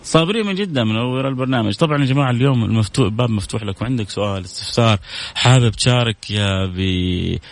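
A man's voice: mid-range voice, racing. A man hosting a religious call-in show, chatting casually, reading viewer messages aloud and repeating phrases for emphasis. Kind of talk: casual broadcast talk with religious advice.

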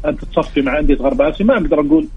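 A man's voice: a little high, very fast, slightly rough. A man with a Saudi accent speaking as an expert guest, explaining in an interview and often restarting mid-phrase. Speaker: guest expert, sports historian. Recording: dull lo-fi radio sound, music behind.

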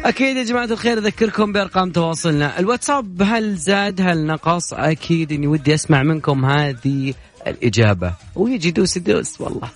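A man's voice: on the high side, expressive, quick pace, loud music behind the voice. A young man with a Saudi accent hosting a casual late-night radio call-in show, chatty and joking as he reads listener messages aloud. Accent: Saudi Gulf Arabic. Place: radio studio. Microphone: studio microphone.

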